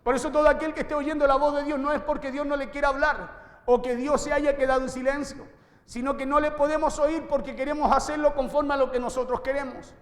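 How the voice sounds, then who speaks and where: High-voiced preacher in an echoey hall. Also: male voice, little pitch movement, a little fast. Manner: preaching with rhetorical questions to the congregation. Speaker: pastor. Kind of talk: sermon. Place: church hall.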